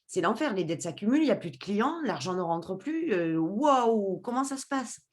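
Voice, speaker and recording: Expressive woman telling her story. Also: medium pitch, moderate pace. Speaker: podcast guest. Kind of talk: personal storytelling.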